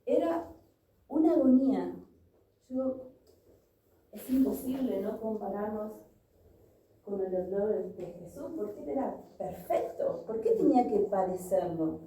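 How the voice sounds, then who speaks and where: A woman's voice: mid-range voice, animated, unhurried, long pauses, mellow. A woman preaching a sermon, earnestly telling a personal story and reading scripture. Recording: echoey room, voice from a distance.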